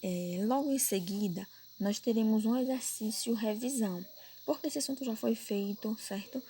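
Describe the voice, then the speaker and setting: Patient Brazilian woman teacher, mellow voice. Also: a little high, moderate pace, a little hiss or hum. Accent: Brazilian Portuguese. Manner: patient, repeats and checks understanding with "certo?". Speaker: primary school teacher. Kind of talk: remote grammar lesson.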